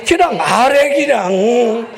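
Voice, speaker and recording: High, lively Chungcheong pastor preaching. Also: male voice, slow pace, vocal fry. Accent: Chungcheong Korean. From Chungcheong, South Korea. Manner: joking, animated, bursts into shouting. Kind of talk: sermon. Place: church sanctuary.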